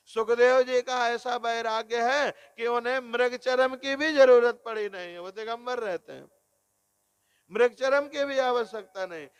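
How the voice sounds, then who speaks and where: A man giving a devotional sermon on scripture, explaining slowly, repeating phrases and often addressing listeners as Narayan. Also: very high voice, a bit bright, clear, resonant tone, dry recording. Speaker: religious discourse speaker.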